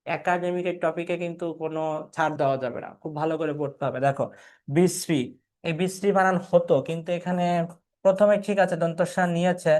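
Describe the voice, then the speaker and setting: A young man with a Bangladeshi Bengali accent teaches an exam revision class. His voice sits a little high for a man. He keeps asking questions, answers them himself, and calls out students by name. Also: darkish tone. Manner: quizzing and answering his own questions, calling out students' names. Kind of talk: live online exam-review class.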